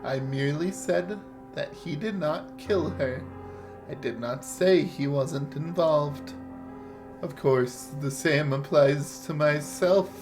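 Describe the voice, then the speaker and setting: A man voicing a sinister, condescending male bird doctor in a game, speaking with slow, silky, menacing politeness. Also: on the high side. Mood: sly. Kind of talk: reading visual novel dialogue aloud. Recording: faint music behind.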